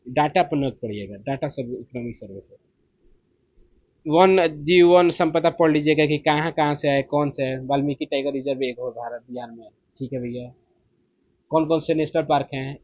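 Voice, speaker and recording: A man's voice: mid-range voice, a little mellow, dry recording. A man teaching an exam-prep lesson in a casual, chatty way, tagging "theek hai" onto each point. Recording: slightly muffled dry recording.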